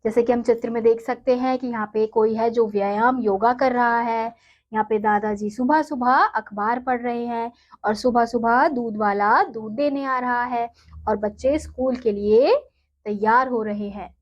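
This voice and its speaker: A woman teaches a primary school lesson, explaining each step patiently and reading verse lines slowly. Her voice sits fairly high. The recording sounds muffled and lo-fi. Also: steady tone.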